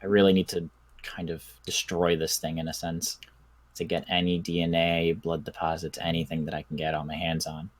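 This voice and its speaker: A man with a low voice and little pitch movement speaks deliberately and in a businesslike way. He's roleplaying a measured, inquisitive zombie-studying doctor in an improvised apocalypse game.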